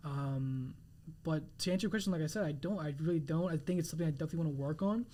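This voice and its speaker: A young man with a somewhat higher voice speaks as a guest on a podcast. He talks earnestly, restarting phrases and reaching for words as he explains himself. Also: warm tone. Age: 20s. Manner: earnest, halting, many restarts and fillers. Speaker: realtor guest. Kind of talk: casual interview chat.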